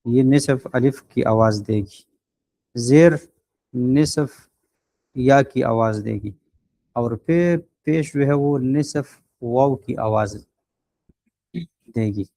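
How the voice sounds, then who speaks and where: A man teaching a Quran recitation class online. He explains patiently, fills pauses with drawn-out sounds, and models short vowel sounds slowly and deliberately. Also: mid-range voice, dark tone.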